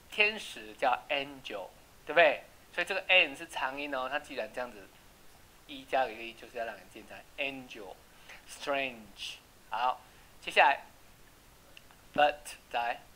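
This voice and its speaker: A man teaching an English class, chatty and checking with students, slowing down to repeat words for pronunciation. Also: medium pitch, bright, forceful tone, a little hiss or hum, poor audio. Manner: asks "right?" often. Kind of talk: classroom lesson.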